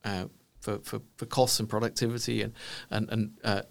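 A middle-aged man answering interview questions as a consultant guest, talking in an animated, emphatic way and often restarting his phrases. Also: lowish voice, normal speed, creaky.

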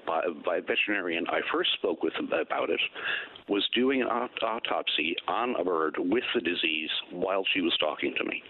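Deep-voiced older man calling in by phone. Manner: earnest, insistent. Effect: heard over the phone. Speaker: caller. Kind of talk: call-in radio chat. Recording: narrow phone line.

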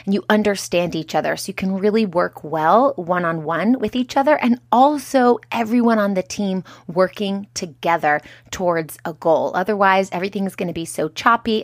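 An upbeat woman hosts a business advice podcast with a mid-pitched voice. She lays out her tips in a tidy, orderly way. The sound is dry and close, with very little room in it. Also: dry recording. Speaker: podcast host and business coach.

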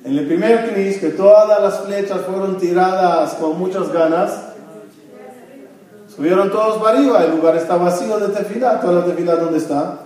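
A man with a fairly high voice teaches a religious lesson, asking the room questions and answering them himself. He weaves Hebrew terms into his talk. The sound is very roomy and echoing, picked up by a mic some distance away. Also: moderate pace, darkish tone. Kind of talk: Torah lesson to a congregation. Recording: very echoey room, mic far off.

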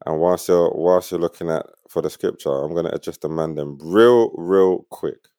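A man's voice: deep voice, moderate pace, warm tone, no room sound, clean studio sound. A young man with a London roadman accent hosting a podcast in casual, slangy street talk. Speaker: podcast host.

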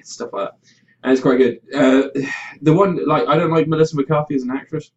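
A man's voice: a little high, fairly even intonation, a little fast. A man co-hosting a podcast, chatting casually and ranting with opinions, swearing freely. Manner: ranting, sweary, mimics others in mock quotes. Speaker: podcast host. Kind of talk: casual opinionated film chat. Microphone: webcam about five feet away. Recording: dull webcam mic from distance.

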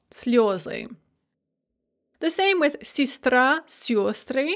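Woman teacher walking thru pronunciation rules, fairly high voice, careful and clear. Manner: clear, methodical, carefully sounding out words. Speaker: language teacher. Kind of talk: explaining a pronunciation lesson.

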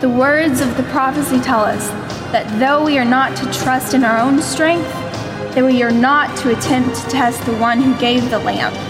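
A woman's voice: high voice, fairly even intonation, moderate pace, lightly acted. A woman playing a steadfast, devout young girl who answers firmly in an audio drama. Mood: resolute. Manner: firm, resolute. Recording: reverberant with music.

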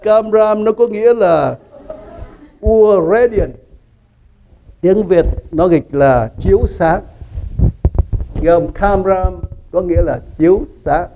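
A man preaching a sermon, teaching lively, asking the congregation questions and making joking asides with frequent laughter. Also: high voice, takes it slowly, long pauses, a little hiss or hum, low-quality recording. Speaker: pastor.

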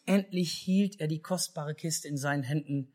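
A pastor with a German accent tells a children's Christmas story during a church service, speaking lively and asking the children questions. His voice sits on the high side at normal speed.

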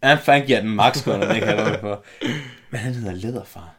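A man from a small Danish island co-hosts a relaxed podcast chat. He tells anecdotes with lively bursts and laughs readily. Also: on the low side, a crowd in the background. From Læsø, Denmark. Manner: animated storyteller, laughs often. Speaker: podcast co-host. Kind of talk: casual chat.

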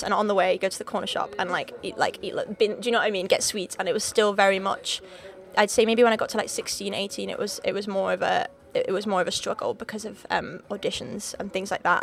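A young woman from North Wales, with a Liverpool-leaning accent, chats casually as a podcast guest in an interview. Her medium-pitched voice is creaky, and she uses lots of fillers, restarts, and laughs.

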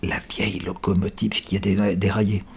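A sensible eldest boy leading the group, read by a man close to his own voice. Low and breathy, he gives calm, measured instructions. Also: exaggerated voice.

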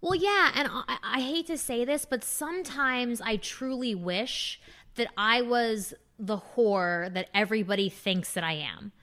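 A woman's voice: a little high, measured pace, fairly bright tone. A young woman co-hosting a podcast, chatting candidly and laughing often, with lots of fillers. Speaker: podcast co-host. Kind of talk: casual podcast chat.

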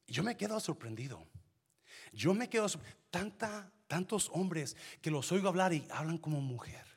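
A middle-aged male pastor preaching a sermon with animated delivery, mixing in English phrases. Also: a little high, normal speed, slightly rough. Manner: animated preaching, switching between Spanish and English.

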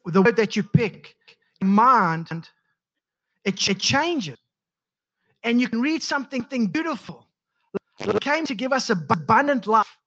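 Man, south african accent, high voice, halting, repeats words, pastor preaching, dull lo-fi sound. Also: animated, fairly bright tone. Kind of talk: sermon.

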